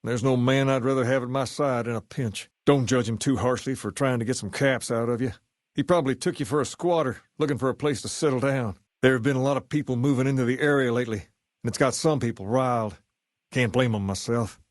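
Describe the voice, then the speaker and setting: An actor playing an easygoing, self-assured gang leader styled as a rock-and-roll king in a video game, with folksy, colloquial, measured delivery. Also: mid-range voice, dry recording, clean studio sound, lightly acted. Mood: relaxed, folksy. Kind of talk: scripted game character dialogue.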